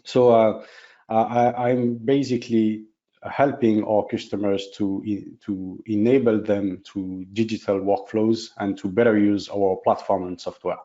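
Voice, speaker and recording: A man's voice: on the low side, level tone, unhurried, dark tone, lo-fi sound. Hesitant man with a French accent. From France. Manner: hesitant, many fillers and restarts. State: has a cough. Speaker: technical sales specialist. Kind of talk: webinar self-introduction.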